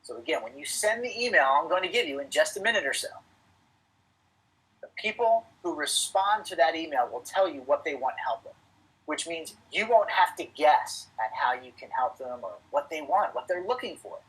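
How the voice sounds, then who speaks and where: A man's voice: fairly high pitch, lively intonation, moderate pace, fairly bright tone, husky, low-quality recording. A middle-aged man presenting a live webinar to financial advisors, emphatic and coaching, repeating his key points.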